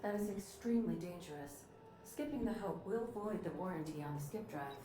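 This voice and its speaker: Echoey, deadpan female ship AI voiced by a woman. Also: on the low side, brisk, faint music behind, close to an everyday voice. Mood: deadpan humor. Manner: deadpan, formal, precise. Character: witty female ship artificial intelligence, dry and deadpan, loyal. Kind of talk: scripted video game acting.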